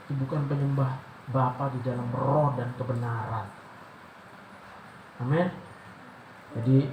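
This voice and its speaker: A man, a doctor, giving a devotional sermon in an animated way, asking rhetorical questions and acting out prayers. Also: mid-range voice. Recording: echoey room with loud background noise.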